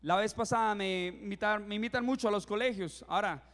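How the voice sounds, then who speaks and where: Animated young man preaching in a hall. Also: high voice, brisk. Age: 20s. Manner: animated, acts out his own reactions. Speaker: youth pastor. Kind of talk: sermon with humorous storytelling. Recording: reverberant hall.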